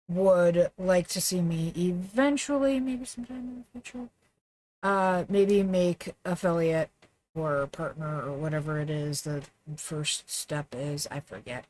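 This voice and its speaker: A woman's voice: deep voice, a little mellow. Chatty woman streaming a game. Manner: chatty and self-deprecating, with many fillers. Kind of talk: casual live-stream chat.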